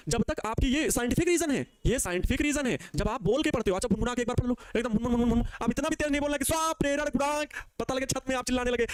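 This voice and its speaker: A man's voice: very high voice, no room sound, clean studio sound. A male physics teacher with a Bihari Hindi accent giving a live online lecture, answering questions he voices for the students and coaxing them to repeat after him.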